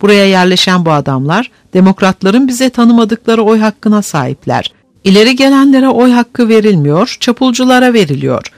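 A man's voice: high-pitched, sing-song, normal speed, no echo. A man reading the part of an earnest, bitter young farmhand in an audiobook, speaking grave and indignant.

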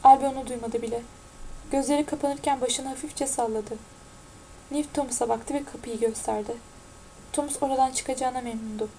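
A woman narrating an audiobook in a steady, even-toned reading. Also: high-pitched, a little hiss or hum, rough recording.

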